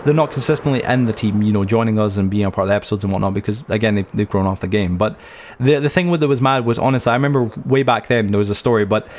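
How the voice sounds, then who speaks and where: A young man talks quickly through a let's-play tour of his game world. His voice sits low, and he rambles from story to story with plenty of fillers and restarts. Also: a little mellow, slight background noise. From United Kingdom. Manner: chatty, anecdotal, many fillers and restarts. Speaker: gaming channel host.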